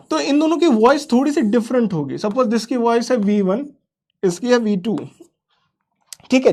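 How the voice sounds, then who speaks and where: A man teaching kids in a live online class, quizzing the chat and often calling them "beta". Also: extremely high pitch. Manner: quizzes the chat, calls students "beta", repeats "theek hai"; mixes English into explanations.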